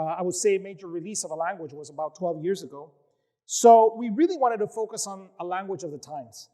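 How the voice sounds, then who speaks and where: A man's voice: high-pitched, darkish tone. A man, a company CEO from the United States, giving an upbeat tech conference presentation with frequent filler words. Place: conference session room.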